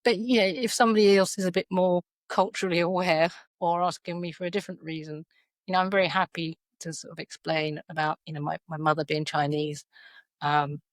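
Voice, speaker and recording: A middle-aged woman with a South London accent and a low voice talks through her story in an interview. She pauses often, and her thoughts come out in halting restarts and fillers. The sound is dry and close. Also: little pitch movement, no room sound. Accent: South London English. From South London, England. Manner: hesitant, lots of fillers and restarts. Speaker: podcast guest, educator. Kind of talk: reflective interview conversation.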